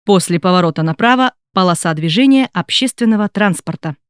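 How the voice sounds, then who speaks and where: A woman's voice: on the low side, animated, fairly quick. Polite female in-car voice prompt. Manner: polite, clear, instructive announcing. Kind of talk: recorded driving announcements. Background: loud synthesizer music.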